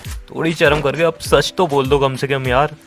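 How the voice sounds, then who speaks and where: A man's voice: medium pitch, fairly even intonation, normal speed. A young man on a voice call, crying as he pleads with and accuses his partner in Hindi-language chat. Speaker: gamer chatting with his partner. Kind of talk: emotional voice-chat argument. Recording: music playing underneath.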